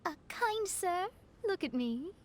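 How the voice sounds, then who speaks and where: A woman's voice: very high-pitched, expressive, exaggerated voice. An actress voicing a bold, outspoken young woman who speaks directly. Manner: direct, brisk.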